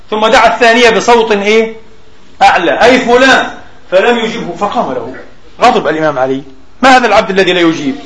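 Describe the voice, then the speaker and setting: A man delivering a sermon, stretching out quoted texts slowly and pausing to explain words. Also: high-pitched, a bit bright, roomy sound, low-quality recording. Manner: slow emphatic recitation of quotes, explanatory asides. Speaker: preacher. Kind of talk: Friday sermon.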